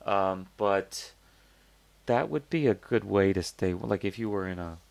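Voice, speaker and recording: Man, casual review host, rambling and skeptical, lots of fillers, lowish gravelly voice, dry close sound. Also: lively intonation, measured pace, darkish tone, no room sound. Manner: rambling, thinking aloud with many fillers and restarts; skeptical, conversational. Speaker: host reviewing crowdfunding products. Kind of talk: casual product review talk.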